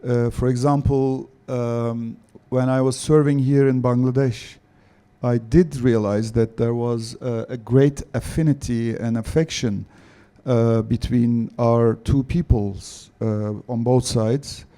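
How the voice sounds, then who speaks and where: A male panelist answers audience questions slowly and haltingly, filling pauses with "uh" and "um". His voice is very dark and mellow, and he takes his time. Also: mid-range voice, fairly even intonation. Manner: slow, halting, many fillers. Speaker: panelist, former diplomat.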